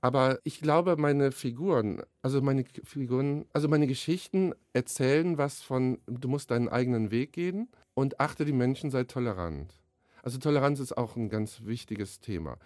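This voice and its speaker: A children's book author, a man, speaking in a radio studio interview. He talks hesitantly, restarting phrases, in a mid-pitched voice. The sound is close and dry. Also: moderate pace, a little mellow, no echo. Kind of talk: radio interview and reading aloud. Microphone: studio microphone.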